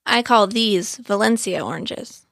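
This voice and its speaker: A woman voicing a proud, gentle orange grower. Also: mid-range voice, unhurried, gravelly, dry recording, clean studio sound, voice pushed up. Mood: eager, wondering. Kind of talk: storybook narration.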